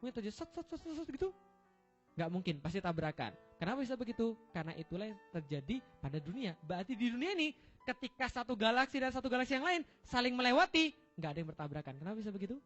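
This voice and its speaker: A man with a high, quick voice lecturing like a comic preacher, firing off rhetorical questions and punchlines at his listeners. The recording is dull and lo-fi, with faint music underneath. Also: big pitch swings, fairly bright tone. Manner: joking, quizzing the audience with rhetorical questions. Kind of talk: humorous religious lecture with slides.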